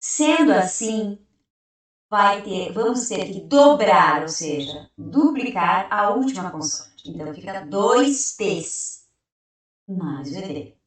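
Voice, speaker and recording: Slow, deliberate woman teacher in an echoey room. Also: mid-range voice, lively intonation. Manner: explains step by step, asks and answers her own questions; reads example sentences slowly. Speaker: English teacher. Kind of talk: classroom grammar lesson. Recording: very echoey room, heard from a distance.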